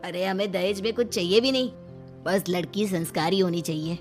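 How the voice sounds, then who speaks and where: A woman's voice: fairly low pitch, a little fast, faint music behind, natural voice. A woman voicing a plain-spoken village husband in a cartoon story. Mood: agreeable. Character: village husband, agreeable to elders, nagging his wife.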